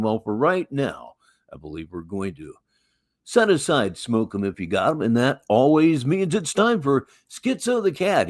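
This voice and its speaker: A man's voice: medium pitch, fairly bright tone, dry recording, studio quality. An older American man with a Midwestern accent, hosting a casual livestream with folksy, musing, wry commentary. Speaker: livestream host.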